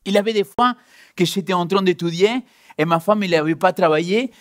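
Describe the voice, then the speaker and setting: A man's voice: high-pitched, fairly quick, a bit bright. A man, a pastor, giving a sermon from a church stage, telling stories and acting out both sides of the scene.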